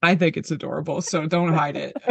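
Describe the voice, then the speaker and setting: A woman co-hosting a casual podcast, chatty and quick to laugh. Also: sits low, steady tone, vocal fry, dry recording. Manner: chatty, many "like" fillers, laughs a lot. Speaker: podcast co-host. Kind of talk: casual chat.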